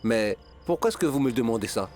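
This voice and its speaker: A man's voice: mid-range voice, animated, fairly quick, darkish tone, lightly acted. An actor dubbing a chatty, bewildered male bystander in a French series. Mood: helpful. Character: talkative male bystander in a crowd. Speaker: dubbed character.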